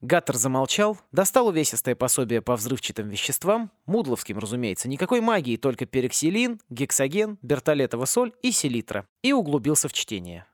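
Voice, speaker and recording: A man narrating a comic fantasy audiobook in an expressive reading. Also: mid-range voice, a little fast, few pauses, no echo, clean studio sound. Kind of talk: scripted narration.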